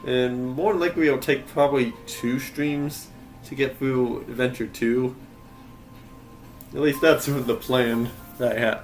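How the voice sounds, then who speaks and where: A man's voice: mid-range voice, steady tone, unhurried, faint music behind. A young man giving casual gameplay commentary, rambling and correcting himself, often laughing. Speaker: game streamer.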